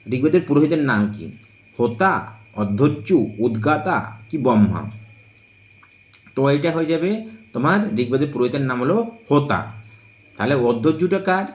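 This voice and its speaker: Slow deliberate man teaching exam prep. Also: a little high. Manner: slow, deliberate, drawn-out listing of options. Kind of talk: exam-prep lesson, reading quiz questions and options.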